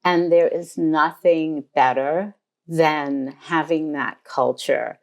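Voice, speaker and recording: An older woman from the United States, hosting a casual interview, complimentary and thinking aloud with pauses. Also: low voice, steady tone. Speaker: podcast host, fashion designer.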